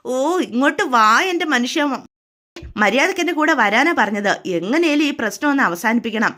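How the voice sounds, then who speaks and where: A woman's voice: high voice, animated, fairly quick, fairly bright tone. A woman voicing a bossy, scheming mother. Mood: scolding. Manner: scolding, bossy, nagging her husband. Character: scheming domineering middle-aged mother, sharp-tongued.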